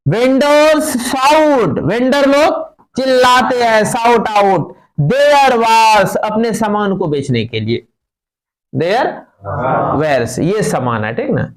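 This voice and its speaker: This high-voiced man is teaching a class, using Hindi to explain a passage from an English textbook. He takes the English phrases slowly, follows with quick explanations, and checks with the students.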